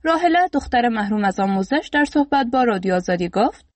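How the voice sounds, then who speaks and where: High-voiced female radio reporter. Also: no room sound. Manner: even, formal reporting. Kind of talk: scripted news report. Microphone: dry studio mic.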